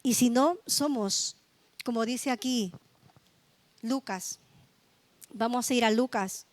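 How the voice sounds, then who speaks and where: A middle-aged woman pastor with a high voice delivers a sermon in a conversational, testimonial way, often tossing in tag questions to her congregation. The sound is dry and close, with little room echo. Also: takes it slowly.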